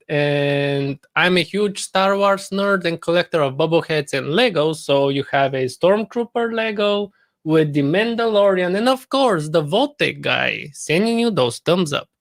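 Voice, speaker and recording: A man's voice: a little high, lively intonation, normal speed. A man from Bulgaria, an upbeat, joking guest on a casual podcast chat. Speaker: guest YouTuber.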